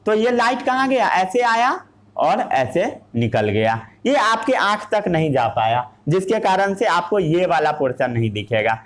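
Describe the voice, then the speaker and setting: Lively, slow-talking male teacher. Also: high-pitched. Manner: asks rhetorical questions and answers them himself; mixes English terms into Hindi speech. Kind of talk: classroom science lesson.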